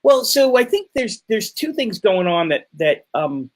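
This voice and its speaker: A man who teaches physics, chatting in a loose explanatory way. His voice sits a little high, and he often restarts mid-sentence. He talks over a call. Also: big pitch swings, unhurried. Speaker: physics lecturer guest. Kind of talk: casual explanatory chat.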